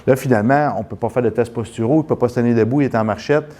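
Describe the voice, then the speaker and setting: This is a man with a Quebec French accent, pitched right in the middle of the male range. He talks in a loose, animated way, tumbling through restarts as he tells his story. He also coaches someone through a hands-on postural test. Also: quick pace. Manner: animated, rambling with many restarts. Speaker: postural therapist. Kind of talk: casual storytelling and live demonstration.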